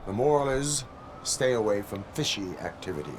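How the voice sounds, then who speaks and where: Guy playing deep robot cop from a video game, formal deadpan lecturing, street noise behind. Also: brisk, lightly acted. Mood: stern, moralizing. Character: stern male cyborg police officer, literal and unbending.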